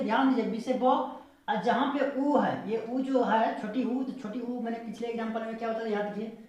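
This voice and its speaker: Echoey, high-pitched woman teaching pronunciation. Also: darkish tone. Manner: slow, repetitive, spelling words out letter by letter; asks the viewer questions to check understanding. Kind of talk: spoken English lesson explained in Hindi. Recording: very echoey room.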